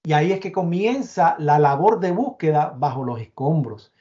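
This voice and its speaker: A man from Puerto Rico, speaking with a Puerto Rican accent, gives an emotional first-person account as an interview guest. His voice is a little high and dark with lively intonation, and the audio is lo-fi. Under the emotion he halts, often stumbling, repeating, and restarting his words.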